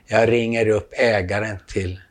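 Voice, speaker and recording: A man telling a long anecdote, acting out the dialogue as he goes. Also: fairly low pitch. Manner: animated storytelling, acts out quoted dialogue. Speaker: storyteller, photographer.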